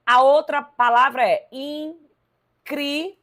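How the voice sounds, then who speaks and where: Brazilian lady teacher, pretty high voice, going through exam answers, lively and emphatic, keeps checking in with viewers. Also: normal speed. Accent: Brazilian Portuguese. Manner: lively, emphatic, addresses viewers directly with "ó" and "tá vendo?". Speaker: Portuguese teacher. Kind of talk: exam correction class. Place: live online class.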